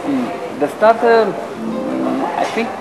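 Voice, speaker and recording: A man in his forties from Sardinia with an Italian accent, a chef answering interview questions in halting English with many fillers, in a restaurant dining room. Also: high-pitched, big pitch swings, creaky, low-quality recording. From Sardinia, Italy. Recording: music playing loudly behind.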